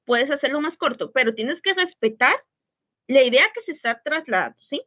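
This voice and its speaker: A woman's voice: high-pitched, animated, normal speed. A woman teaching an online writing class, patient and checking often that students follow. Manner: patient, checks understanding with frequent "¿sí?". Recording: tinny phone-like call audio.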